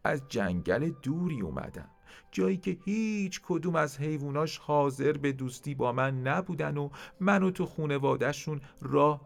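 Brief: sad, shy horse-leopard creature, put on by a male narrator, higher and gravelly. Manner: timid, plaintive.

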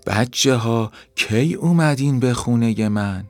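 A man's voice: mid-range voice, no echo, soft background music, close to an everyday voice. A man voicing a stubborn, brave little ant in a children's storybook reading, slightly raised and firm. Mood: determined.

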